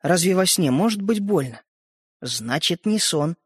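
Man, storybook narration, high lively voice, dry close sound. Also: a little slow, husky, no room sound. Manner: expressive, lively reading.

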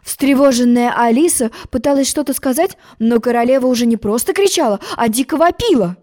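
A woman narrating a children's story in an expressive, lively way. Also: a little high, brisk. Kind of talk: storybook reading.

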